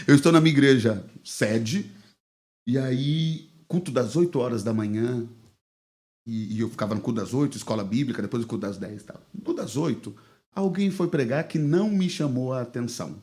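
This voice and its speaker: A man with a Brazilian Portuguese accent, a pastor telling a lively anecdote on a podcast and acting out the quoted dialogue. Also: medium pitch, moderate pace. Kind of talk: casual podcast storytelling.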